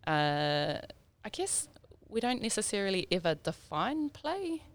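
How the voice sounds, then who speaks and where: Speaking in a mid-range voice with big pitch swings at a measured pace, a woman in her thirties chats casually as a guest on a podcast interview. She has a South Auckland Māori New Zealand accent and sprinkles te reo Māori words into her English.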